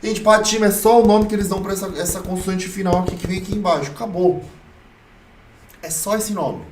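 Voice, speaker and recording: A man's voice: high voice, a little fast, recorded from a distance, a little hiss or hum. A Brazilian man teaching an online Korean lesson, blunt and playful, repeating key points with emphasis. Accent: Brazilian Portuguese. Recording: echoey room, voice off-mic.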